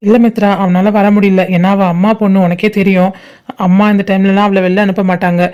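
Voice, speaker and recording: A woman voicing a cheerful visiting relative in a cartoon, chatty and excited when greeting old friends. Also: medium pitch, a little fast, lo-fi sound, close to an everyday voice.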